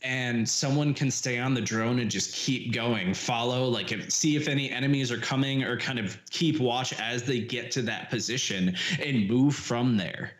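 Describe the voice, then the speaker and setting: Guy talking games on a podcast, mid pitch, keeps tripping over his words then pushes his point. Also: moderate pace, hardly any pauses. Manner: stammering restarts, emphatic agreement. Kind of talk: casual gaming discussion.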